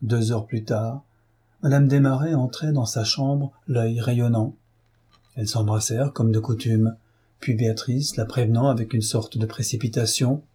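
A man with a French accent reads a classic novel aloud in a calm, measured storytelling voice. His tone is dark and mellow, with a husky edge. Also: medium pitch. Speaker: narrator. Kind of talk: literary audiobook reading.

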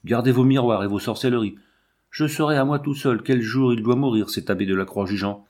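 A man's voice: medium pitch, fairly quick, a little mellow, natural voice. A man voicing a bitter, vengeful middle-aged farmer in an audiobook, speaking with insulting fury. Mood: angry, vengeful. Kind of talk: audiobook character reading.

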